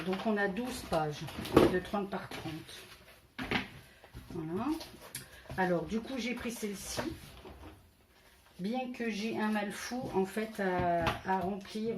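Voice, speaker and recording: A woman's voice: medium pitch, background noise. A woman from France presenting a casual scrapbooking haul, hesitant and full of fillers, counting items aloud as she shows them. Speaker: scrapbooking vlogger.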